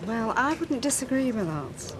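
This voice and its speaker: A woman playing an indignant soft touch in a TV soap. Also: fairly high pitch, sing-song, normal speed, noisy background. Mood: indignant, relenting. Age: 60s. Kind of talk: naturalistic TV soap acting. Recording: loud cafe bustle behind.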